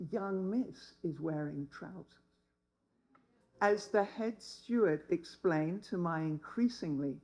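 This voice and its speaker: A woman's voice: lowish voice, darkish tone, low-quality recording. A woman, telling a personal story to an audience in a wry, humorous way. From England. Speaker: speaker.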